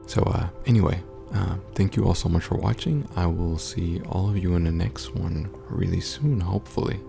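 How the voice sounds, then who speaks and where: A man talking low and quietly, as in a sleeping house at night, in a monotone, stoic way for a casual vlog update. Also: normal speed, gravelly, music in the background. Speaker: content creator.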